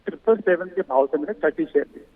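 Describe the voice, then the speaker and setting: Man on a tinny phone line breaking up. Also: fairly high pitch. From Mumbai. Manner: halting, repeats numbers. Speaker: caller. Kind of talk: phone-in question.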